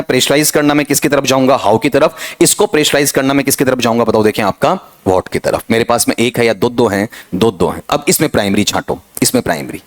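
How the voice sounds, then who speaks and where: Man quizzing a grammar class. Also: medium pitch. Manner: quizzing students with repeated rhetorical questions; reads example sentences slowly and deliberately. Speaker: English grammar teacher. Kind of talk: exam-prep lecture.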